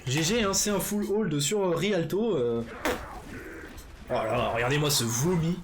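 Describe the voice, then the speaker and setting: A male esports caster with a fairly high voice commentates a live match over background noise. He's chatty and loose, filling gaps with fillers and quickly fixing his own slips.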